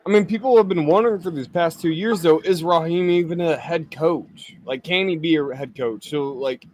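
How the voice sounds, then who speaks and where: A man's voice: on the high side, normal speed, a little mellow. A laid-back man chatting and laughing on a live watch party.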